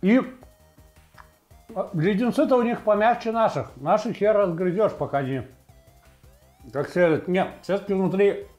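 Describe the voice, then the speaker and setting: Guy in his 40s doing casual taste test commentary, pauses to think out loud, some music in the background. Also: high-pitched. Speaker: host of a food tasting video. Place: indoor home kitchen. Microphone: lavalier clipped to T-shirt.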